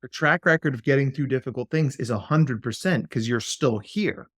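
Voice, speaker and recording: Guy psychologist on a podcast, mid pitch, lively and playful, dry close sound. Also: moderate pace, no room sound. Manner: animated, playful, slips into silly voices. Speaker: clinical psychologist guest. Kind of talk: conversational podcast interview.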